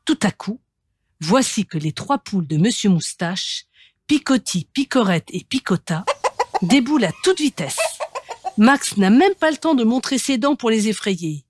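A woman reading a children's story aloud in a gentle, measured way. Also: on the high side, sing-song, husky.

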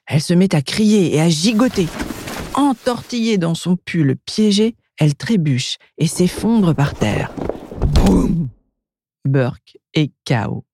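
Warm French woman reading a children's story. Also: deep voice. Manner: lively, expressive reading for children.

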